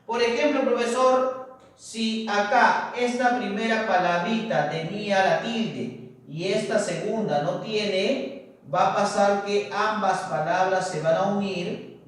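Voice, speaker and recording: Male teacher, high voice, patient and repetitive, heavy room echo. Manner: checks understanding with constant tag questions; repeats key words slowly for emphasis. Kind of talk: classroom grammar lecture. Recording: very echoey room, distant mic.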